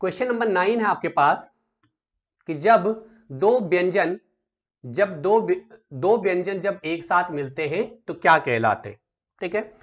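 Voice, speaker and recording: A man's voice: high-pitched, animated, a little slow, lo-fi sound. A man teaching an exam solution lesson, asking questions and answering them himself, often checking in with the class and calling students "beta". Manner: keeps checking in with "theek hai" and calls students "beta".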